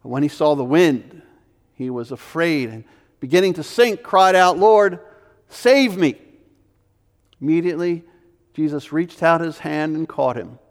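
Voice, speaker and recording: Man preaching with a raspy edge, urgent then hushed, lively reverb of a large church. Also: fairly high pitch, moderate pace. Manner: emphatic preaching with sudden loud and hushed turns. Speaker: pastor. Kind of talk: sermon.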